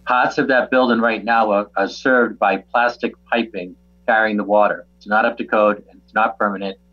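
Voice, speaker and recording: A man, a city official on a video call, listing items in a measured way while his choppy internet audio stutters and breaks up. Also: lowish voice, steady tone, highs cut off. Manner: measured, lists items one by one. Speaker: city official answering council questions. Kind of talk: remote meeting testimony.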